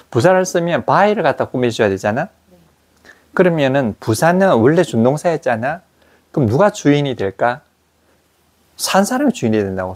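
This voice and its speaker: A man's voice: mid-range voice, a little mellow, husky. Man teaching English pronunciation drills. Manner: explains slowly, drills pronunciation with repetition. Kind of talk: classroom grammar lesson.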